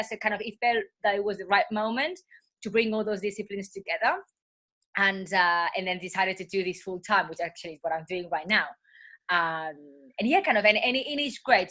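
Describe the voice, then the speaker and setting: A woman with a cold speaks in a husky yet bright, forward voice. She talks as a yoga teacher in a casual interview and drifts between thoughts with gentle fillers and self-corrections. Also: mid-range voice. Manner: meandering, full of soft fillers and restarts.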